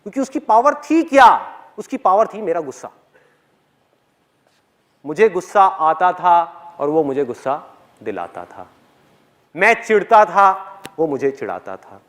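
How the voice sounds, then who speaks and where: This motivational speaker's voice sits high and sounds sing-song and a bit bright, unhurried with frequent pauses. Performing live on stage, he animatedly recounts a personal story and questions the audience directly.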